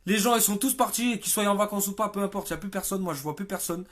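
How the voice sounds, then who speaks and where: A man speaking in a livestream monologue as a protest activist, exasperated, halting and often repeating words. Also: high voice, a bit bright.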